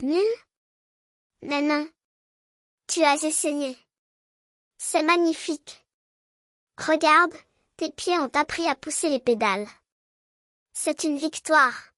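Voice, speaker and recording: A soft, high and unhurried magical bicycle played by a woman from a children's storybook. It is tender and reassuring, encouraging a small child as if reading to a toddler, and sounds close and dry. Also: no room sound, full character voice.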